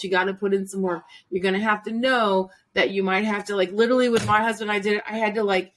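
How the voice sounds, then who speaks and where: A woman's voice: medium pitch, a little hiss or hum. A middle-aged woman hosting a casual interview, chatty, repeating phrases and laughing easily. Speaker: host.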